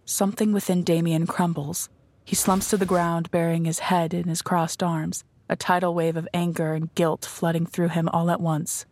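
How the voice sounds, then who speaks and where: A woman narrating an audio drama in a measured, descriptive storytelling manner. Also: lowish voice, little pitch movement, darkish tone. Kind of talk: scripted narration.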